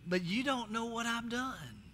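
This middle-aged American pastor has an extremely high, expressive and fairly bright voice, delivering his sermon at a measured pace with emphatic exhortation and repeated phrases for emphasis. The amplified sound fills a large indoor church stage, with echoey hall reverb, faint music and a little hiss or hum.

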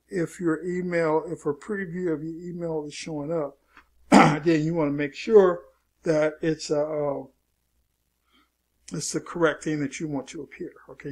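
A man's voice: a little high, a little mellow, breathy edge. A man teaching an online marketing lesson in a loose, casual way, often saying "okay" and repeating his warnings. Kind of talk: casual screen-share tutorial.

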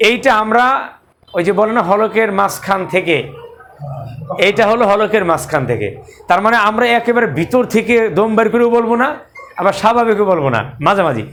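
A man's voice: high-pitched, animated, normal speed, a bit bright, a little hiss or hum. A man teaching a recitation class, patiently drilling letter sounds and having students repeat after him. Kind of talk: live class instruction with drills.

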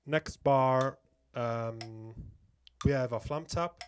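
A man's voice: mid-range voice, extremely slow, slight background noise. A man giving a step-by-step drum lesson, counting beats aloud and often checking in with "okay?". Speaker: drum teacher. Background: metronome clicks.

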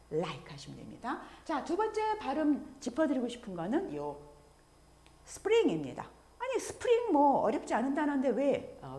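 Lively woman teaching English pronunciation. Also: medium pitch, reverberant. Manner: explains patiently, models English words slowly and clearly; animated, speaks straight to viewers with many fillers. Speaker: English pop song teacher. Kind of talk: online video lesson.

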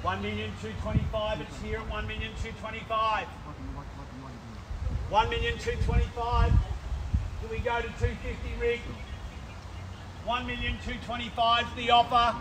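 This is a high, steady-pitched man calling an auction out on a suburban street. He keeps repeating the current bid and pushing the buyers to raise it. He is heard from far off by the camera over loud outdoor noise. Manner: brisk, repetitive bid calling, pressing buyers to bid. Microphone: far camera, no mic.

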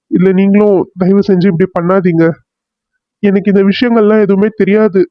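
A man's voice: high-pitched, dry recording, natural voice. A man voicing a polite young husband in a cartoon serial, earnest and apologetic, mixing in English words. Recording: dry, muffled lo-fi recording.

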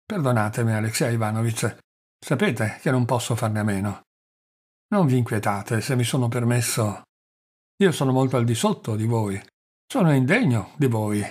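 A man's voice: medium pitch, expressive, normal speed, darkish tone, husky. A man voicing a fawning, pleading husband. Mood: obsequious. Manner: plaintive and obsequious. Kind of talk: audiobook character reading.

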